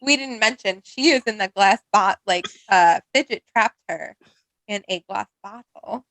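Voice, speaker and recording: A woman's voice: medium pitch, measured pace, a bit bright, no echo, low-quality recording. A woman co-hosting a casual film podcast, chatty and laughing often. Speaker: podcast co-host.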